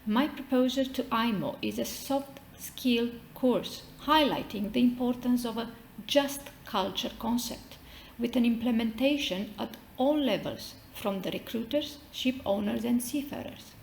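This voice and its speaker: A woman's voice: on the high side, a little slow, vocal fry. A woman from Romania with a Romanian accent, delivering a prepared formal speech as an association representative. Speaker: maritime association representative, speaker. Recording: roomy echo with faint noise.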